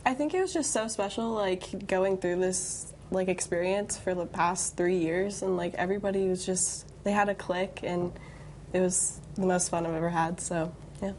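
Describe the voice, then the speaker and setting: A teenage young woman with a slightly low voice gives casual interview answers as an athlete. Some background noise is audible. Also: normal speed, a little mellow. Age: teens. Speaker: student athlete being interviewed.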